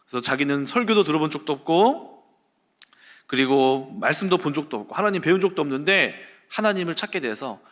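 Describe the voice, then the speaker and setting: A pastor giving a church history lecture at a service, with animated storytelling. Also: male voice, a little high, fairly quick.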